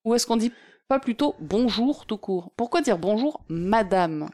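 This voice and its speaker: A woman's voice: medium pitch, animated, measured pace, dark tone. A woman co-hosting a podcast in casual chat, rambling and hesitant with a self-mocking streak. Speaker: podcast co-host.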